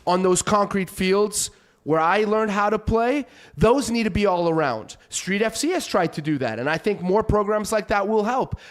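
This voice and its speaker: A man's voice: high-pitched, normal speed. A man who grew up in Portugal, talking emphatically as a panelist in a casual soccer discussion. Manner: emphatic, animated storytelling.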